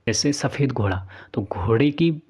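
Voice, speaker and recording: Man, teacher, exam-prep lesson, step-by-step explanations, repeats key answers, mid-pitched voice. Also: expressive, a little slow, darkish tone, slightly rough.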